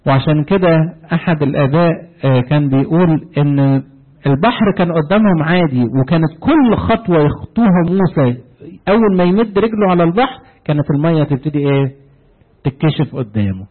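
Egyptian preacher on a tinny line. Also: male voice, a little high, fast talker. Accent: Egyptian Arabic. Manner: asks the congregation fill-in questions ending in "what?"; animated storytelling, retelling dialogue. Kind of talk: sermon. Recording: narrow tinny phone-like sound.

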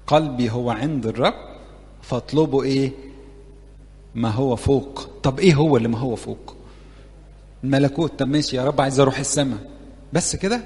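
A man's voice: mid-range voice, darkish tone. A man with an Egyptian Arabic accent preaching an interactive sermon to young people, chatty and playful, often putting questions to his audience. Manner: conversational, playful, keeps asking the audience questions. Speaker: church preacher teaching youth. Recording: long reverb of a large hall.

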